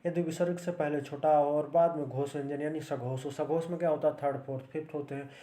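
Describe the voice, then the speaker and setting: A man's voice: fairly high pitch, steady tone, fast, dark tone. A man teaching grammar for exam preparation, explaining step by step and checking in often with the viewer. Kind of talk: exam-prep grammar lesson.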